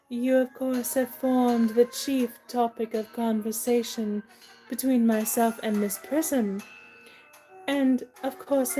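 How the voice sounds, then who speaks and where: A woman's voice: a little high, warm tone, lightly acted, poor audio. A woman playing a self-assured, whimsical young lady in a comic stage play, prim, chiding and matter-of-fact.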